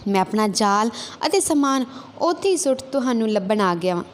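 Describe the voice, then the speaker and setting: A poor, earnest male bird hunter, told by a woman storyteller in a high, light voice, pleading with feeling. The delivery stays close to the teller's own voice. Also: big pitch swings, moderate pace. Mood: bewildered.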